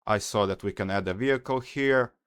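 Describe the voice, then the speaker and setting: A young Croatian man with a low voice explains a hacking walkthrough step by step. He speaks in a careful, methodical way with frequent small pauses. The recording is close and dry. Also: a bit bright, clear, resonant tone, dry recording. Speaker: security tutorial host. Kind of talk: screen-recorded hacking tutorial.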